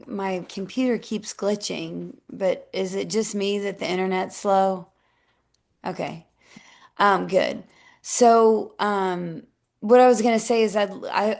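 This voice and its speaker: A woman co-leading a sales team on a video call, upbeat and encouraging as she lays out steps one by one. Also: medium pitch. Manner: upbeat and encouraging, giving step-by-step directions. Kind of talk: casual instructions to a team.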